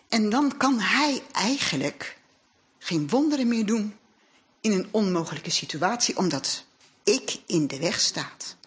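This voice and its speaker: A woman delivers an earnest, reflective sermon in a church hall. Her voice sits at a middle pitch, and she moves between scripture passages and her own experience in a steady preaching manner. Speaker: lay speaker at a congregation. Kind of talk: sermon with personal testimony.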